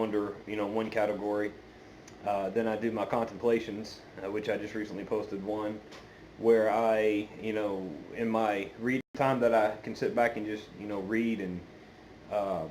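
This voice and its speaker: A pipe-smoking video channel host chats casually and unscripted to his viewers, his delivery hesitant, meandering and halting. His lowish voice is a little mellow, and the amateur phone recording is poor, with slight background noise.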